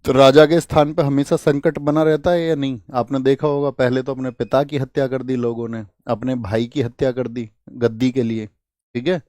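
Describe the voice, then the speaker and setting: A man's voice: mid-range voice, flat delivery, moderate pace, darkish tone, dry recording, clean studio sound. A young man teaching an online exam-prep class, asking his students questions and answering them himself, repeating key words to make them stick. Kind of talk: online lecture with memory tricks.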